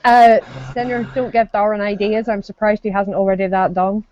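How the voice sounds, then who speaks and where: A woman's voice: medium pitch, level tone, normal speed, darkish tone, no echo, highs cut off. A woman co-hosting a live stream with casual, informal banter.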